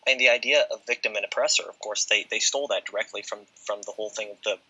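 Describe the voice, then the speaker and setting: Male guest, very bright and husky, argues quickly, popping low-quality audio. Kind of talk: casual discussion.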